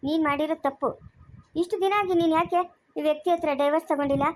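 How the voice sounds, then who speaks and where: Woman playing a scolding high-voiced house lady. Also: fairly even intonation, quick pace, close to an everyday voice. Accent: Kannada of Chikkaballapur area. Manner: scolding, commanding, sharp-tongued. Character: stern scolding lady of the house guarding the baby. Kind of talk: amateur family drama acting.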